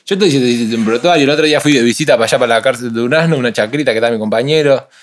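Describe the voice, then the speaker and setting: A man's voice: medium pitch, very fast. A young man with a Uruguayan accent, a rapper guest in a casual interview, telling stories animatedly in street slang. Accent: Uruguayan Spanish. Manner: animated street slang storytelling, acts out others' voices.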